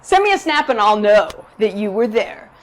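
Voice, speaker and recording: A young woman hosting a live cooking demo in her home kitchen, chatting brightly to viewers, a self-described loud talker. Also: mid-range voice, sing-song, normal speed, slight background noise. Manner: bubbly, chatty, addresses viewers directly. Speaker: cooking video host. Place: home kitchen in a Brooklyn apartment. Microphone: 360 camera rig.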